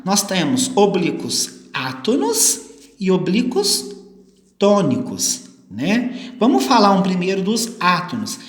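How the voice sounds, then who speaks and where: A man teaching a grammar lesson, explaining patiently and checking in with the class with frequent short questions. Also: on the high side. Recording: echoey room with long reverb.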